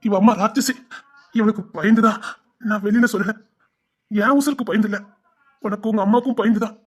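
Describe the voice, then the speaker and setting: A man's voice: high voice, fairly even intonation, moderate pace. An actor with a Tirunelveli Tamil accent playing a stern, remorseful older father who scolds and then pleads with his daughter.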